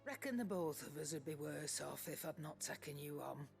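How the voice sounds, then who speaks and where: Gruff old shopkeeper nan, blunt and shrewd, video game, some music under. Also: female voice, low-pitched, lively intonation, moderate pace, darkish tone. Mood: gruff affection. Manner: blunt, folksy, no-nonsense. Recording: music behind the voice.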